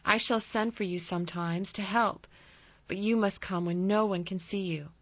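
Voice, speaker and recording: A woman's voice: mid-range voice, steady tone, normal speed, no echo, muffled recording, natural voice. A woman voicing a lordly, decisive young boy in a storybook reading. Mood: commanding.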